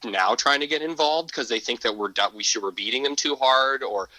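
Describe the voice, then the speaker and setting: A man's voice: medium pitch, a little fast, bright, forceful tone, no echo, rough recording. A man co-hosting a casual podcast, talking in rambling stops and restarts with frequent laughs. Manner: rambling, self-interrupting, laughs often. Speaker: co-host.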